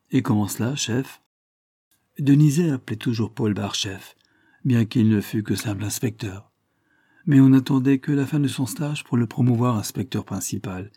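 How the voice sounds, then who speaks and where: Low, husky male storyteller. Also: warm tone, no room sound, clean studio sound. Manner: measured, dramatic reading. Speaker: narrator. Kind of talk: scripted narration of a detective story.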